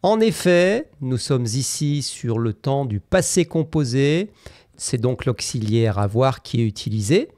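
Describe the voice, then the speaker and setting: A man teaching common mistakes in a scripted lesson, saying each example sentence slowly and carefully. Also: mid-range voice, expressive, darkish tone, dry recording. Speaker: French teacher.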